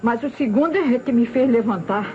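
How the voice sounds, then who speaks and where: In an old radio mystery, a woman plays a nervous, servile housemaid with a Brazilian accent who stammers and repeats herself. Her lightly acted voice is fairly high and moderately paced, heard through a muffled recording with music and slight background noise.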